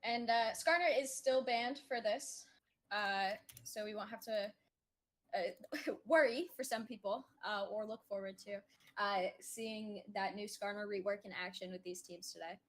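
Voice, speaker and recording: A woman's voice: mid-range voice, measured pace. A woman giving color commentary on a live esports match over a headset, chatty and full of fillers. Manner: hesitant, many fillers, chatty. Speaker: esports co-caster.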